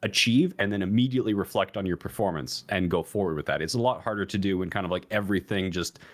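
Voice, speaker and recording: A man co-hosting an esports talk show, explaining his view in a rambling way, with many restarts and fillers. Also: fast. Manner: rambling with many restarts and fillers, jumps higher when emphatic. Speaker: esports podcast co-host. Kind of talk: casual analytical chat.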